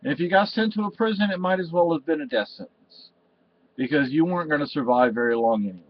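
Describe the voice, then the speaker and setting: This older Spanish man talks quickly in a slightly high voice, vlogging to the webcam in front of him from a cluttered room indoors. His monologue meanders and turns emotional, with frequent restarts and "you know." The audio has that slightly dull, lo-fi webcam quality.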